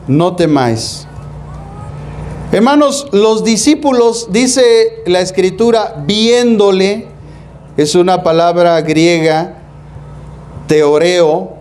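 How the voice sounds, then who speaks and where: A man's voice: sits high, a little mellow. A man with a Mexican accent, preaching as pastor. He talks in a folksy, colloquial way, calls out to his listeners as brothers and asks them questions. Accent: Mexican Spanish. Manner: folksy, colloquial preaching that slips into street slang; rhetorical questions, calls the congregation "hermano". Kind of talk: sermon.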